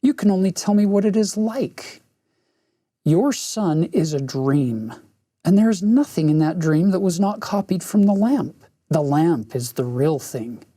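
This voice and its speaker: A sly underworld witch queen who coos and coaxes her listeners, as a man reads her lines aloud. Her voice is soft and lilting, pitched well above his usual speaking voice, in the manner of a storybook read-aloud. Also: lively intonation, unhurried, slightly rough, exaggerated voice. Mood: coaxing. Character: cooing manipulative female underworld queen.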